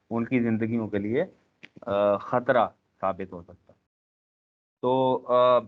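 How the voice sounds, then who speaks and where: Low-voiced man lecturing on a tinny recording. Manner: frequent filler pauses, addresses class directly. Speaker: instructor. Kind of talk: classroom lecture.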